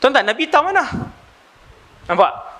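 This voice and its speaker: Male preacher, high ringing voice, animated storyteller working the crowd with questions. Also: moderate pace. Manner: animated storyteller, asks audience rhetorical questions. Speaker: Islamic preacher. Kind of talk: live religious lecture.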